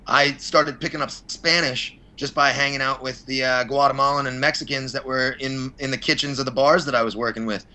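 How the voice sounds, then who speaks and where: A fight promoter talks casually as a podcast guest, wandering through opinionated, blunt replies sprinkled with mild swearing. His medium-pitched voice holds a steady tone and runs fairly quick with few pauses, sounding pushed and bright. The audio quality is poor.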